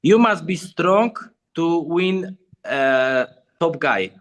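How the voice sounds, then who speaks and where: Calm plain-spoken man in his thirties. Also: fairly high pitch, drawn-out words. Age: 30s. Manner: calm, plain-spoken, simple non-native phrasing. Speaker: guest. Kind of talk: casual video-call chat.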